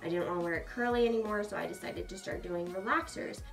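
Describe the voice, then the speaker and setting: A young woman vlogger casually telling a personal story, chatty and animated, with sarcastic asides. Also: mid-range voice, fast, far from the mic, soft background music.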